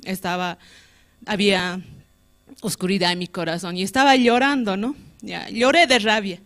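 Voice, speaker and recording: A woman from Bolivia tells her story at a church service in a chatty, unpolished way. She keeps adding little tag questions and pauses to hunt for Bible verses aloud. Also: medium pitch, fairly even intonation, fairly bright tone. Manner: conversational, many filler questions, searches for verses aloud. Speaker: church member giving testimony. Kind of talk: spoken testimony at a church service.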